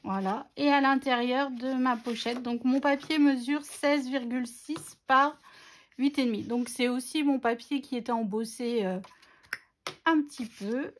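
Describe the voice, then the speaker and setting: A woman's voice: high-pitched, unhurried, slight background noise. A woman narrating a scrapbooking tutorial in a chatty, self-mocking way, with many fillers. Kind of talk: casual craft tutorial narration.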